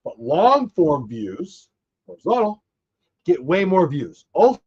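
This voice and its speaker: A man hosting a live baseball watch party, excitedly calling plays and chatting with viewers, a bit hoarse as he is losing his voice. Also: fairly high pitch, takes it slowly, dull audio. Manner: excited, reacts to plays, talks to chat. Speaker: livestream watch party host.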